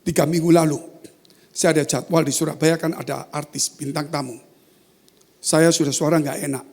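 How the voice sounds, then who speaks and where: A man preaches to his congregation in a husky voice that sits fairly high. He tells stories, dropping to quiet asides and then rising to loud, high exclamations. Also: fairly even intonation, normal speed. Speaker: pastor. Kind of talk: sermon.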